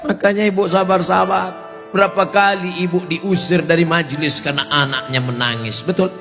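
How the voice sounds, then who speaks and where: A man preaching a humorous Islamic sermon to a gathering, mixing jokes and quick mimicked voices and calling out questions to the crowd. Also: sits high, fairly even intonation, music in the background. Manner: joking, mimics people in quick voices, calls out to audience.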